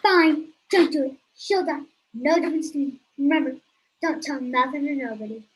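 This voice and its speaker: Young woman playing a high-voiced blunt raven. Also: normal speed, slight background noise, close to an everyday voice, poor audio. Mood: grim, indifferent. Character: blunt talking raven, grim and indifferent. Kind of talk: student stage comedy acting.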